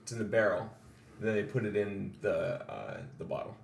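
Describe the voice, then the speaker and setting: Low-voiced rambling man, echoey room. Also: lively intonation, normal speed, vocal fry. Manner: rambling, restarts and laughs often. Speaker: podcast co-host. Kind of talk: casual chat. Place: studio or room for a podcast. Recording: echoey room with faint noise.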